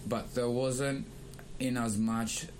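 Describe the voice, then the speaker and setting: A young man who grew up in Kenya, co-hosting a casual discussion and speaking in a thoughtful, measured way with pauses. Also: mid-range voice, steady tone, a little mellow, a little hiss or hum. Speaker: podcast co-host.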